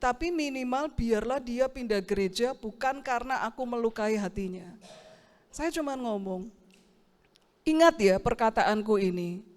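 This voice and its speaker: A middle-aged woman pastor preaches in an animated storytelling way, acting out the people she talks about. Her voice sits high for a woman. A long church-hall reverb trails after her words, picked up by a handheld mic. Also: normal speed. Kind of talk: sermon with acted anecdote.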